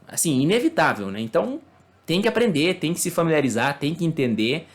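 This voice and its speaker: A Brazilian man, a native Portuguese speaker, giving a casual online English lesson, explaining slowly and checking in with tag questions and fillers. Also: on the high side, very animated. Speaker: English teacher.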